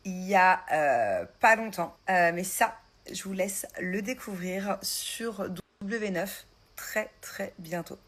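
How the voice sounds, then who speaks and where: A woman's voice: mid-range voice, expressive, takes it slowly, noisy background. A woman from reality TV answering interview questions hesitantly, with many fillers. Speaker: reality TV personality. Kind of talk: interview clip.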